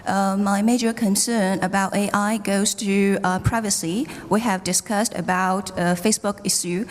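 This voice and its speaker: A woman's voice: mid-range voice, steady tone, moderate pace. A woman whose first language is Chinese asks a hesitant question, full of fillers, from the conference floor. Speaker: audience questioner, scholar. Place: large conference hall. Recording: reverberant hall sound.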